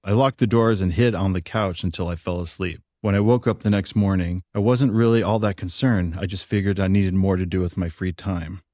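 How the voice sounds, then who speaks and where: Deep-voiced man narrating his memoir. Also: fairly even intonation, a little fast, hardly any pauses, mellow, no echo, studio quality. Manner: plain, reflective storytelling.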